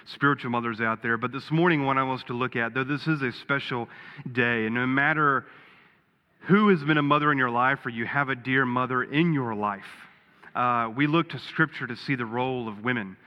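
A man's voice: mid-range voice, fairly quick. A man preaching to his congregation in an earnest, folksy way. His voice rings with the long reverb of a church hall, and the recording sounds a little dull. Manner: folksy storytelling with a joke, earnest. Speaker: pastor. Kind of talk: sermon. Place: church sanctuary.

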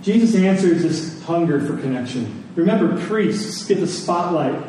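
A mellow, fairly high male voice, animated and moderately paced, preaches to a congregation, emphasizing ideas through rhetorical questions and repeated lines. The sound is very echoey, picked up by a distant mic, with a little noise.

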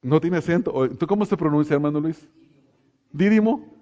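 A middle-aged male pastor preaches to his congregation, folksy and joking as he calls on them by name. His voice sits a little on the high side for a man. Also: moderate pace, warm tone, muffled recording. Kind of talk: sermon.

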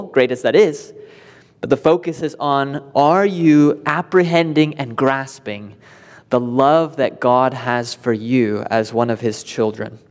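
A man's voice: medium pitch, a little mellow, big-room sound. A male pastor preaching a sermon in a conversational way, with light laughs between points.

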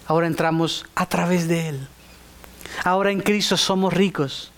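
Brief: male preacher, high voice, emphatic sermon delivery, asks the congregation questions. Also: steady tone, moderate pace. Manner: emphatic, rising to high exclamations; speaks directly to the congregation with questions.

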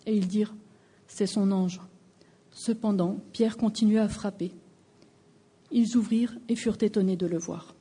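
A woman reads scripture aloud in a steady, measured way. Her voice is very dark and mellow, with a husky edge. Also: mid-range voice. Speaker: scripture reader. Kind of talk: Bible reading.

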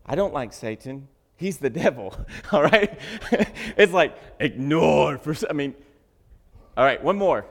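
A man preaching a sermon, joking with the congregation and swinging from loud bursts to hushed asides. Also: fairly high pitch, animated, measured pace, gravelly. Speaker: pastor. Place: church sanctuary. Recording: reverberant hall.

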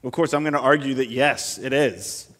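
A man's voice: medium pitch, moderate pace, a bit bright, in a large hall. A man preaching an expository sermon at a pulpit microphone in a church, speaking earnestly and asking the congregation many rhetorical questions.

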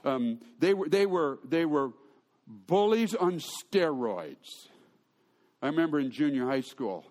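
A man's voice: mid-range voice, a little mellow. A man preaching a sermon, telling stories with humor and often restarting his sentences. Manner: storytelling with humor and frequent restarts. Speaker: pastor.

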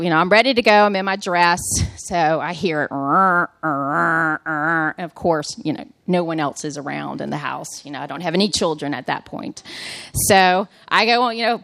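A woman in her thirties gives a personal devotional talk to a group of mothers. She tells her story in a chatty, humorous way, at a middle pitch. The recording is dry and close, with little sound of the room. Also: dry recording.

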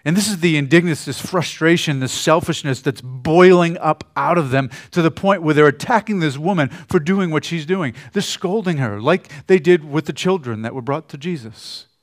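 Male pastor, slightly high voice, casual conversational sermon delivery, soft trailing phrase ends. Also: normal speed, few pauses.

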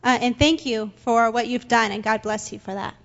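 Higher-voiced young woman interpreting. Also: steady tone, normal speed, gravelly, lo-fi sound. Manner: hesitant, with fillers and restarts. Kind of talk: consecutive interpreting. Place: church sanctuary.

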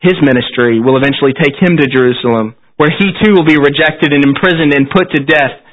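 A man's voice: fairly high pitch, brisk. Solemn male preacher at a pulpit microphone, slightly muffled. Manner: solemn, exhortatory, rhetorical questions and repetition. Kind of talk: sermon at a pulpit microphone, closing in prayer. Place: church service, speaking to a congregation. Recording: slightly dull, band-limited sermon recording.

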